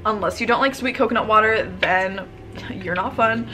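A woman's voice: medium pitch, moderate pace, bright, forceful tone, a little hiss or hum. A young woman in her twenties talking casually to camera in her bedroom, bubbly and gushing, with lots of "like" and "um". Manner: bubbly, chatty, gushing, frequent "like" and "um". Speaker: vlogger. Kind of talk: casual haul video.

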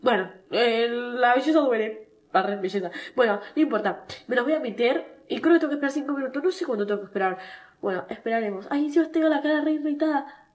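A woman's voice: on the high side, fast. Stuffy-nosed young Argentine woman vlogging. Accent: Argentine Spanish. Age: young adult. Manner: chatty, self-mocking, whiny when in pain. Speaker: TikTok creator. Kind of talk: casual vlog chat.

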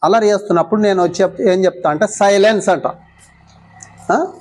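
A woman's voice: medium pitch, fairly quick, a little mellow. A woman with a Telangana Telugu accent teaching young schoolchildren in a classroom, coaxing them with many short questions. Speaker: visiting mindfulness teacher.

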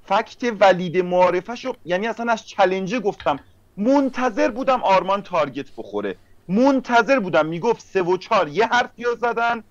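A man's voice: high-pitched, expressive, no room sound. A man recapping an online mafia game as a player, challenging and reproaching the others. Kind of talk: casual argumentative game recap. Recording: dry lo-fi online call audio.

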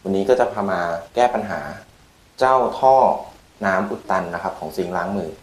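A man's voice: low-pitched, normal speed, low-quality recording. A man hosting a DIY channel, talking casually and politely while he works and shows a repair step by step. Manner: talks while working, polite ending particles. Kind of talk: casual how-to demonstration. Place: bathroom at a washbasin.

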